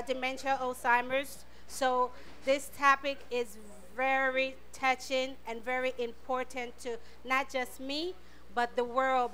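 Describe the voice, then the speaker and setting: A woman's voice: high voice, bright, forceful tone. A woman hosting a live community radio talk show, thanking sponsors and welcoming guests to an audience.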